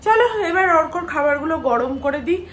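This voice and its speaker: A woman's voice: high-pitched, animated, fast, rough recording. A young woman from West Bengal chatting to viewers in a casual daily-life vlog while she does chores at home. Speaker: vlogger. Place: home, indoors.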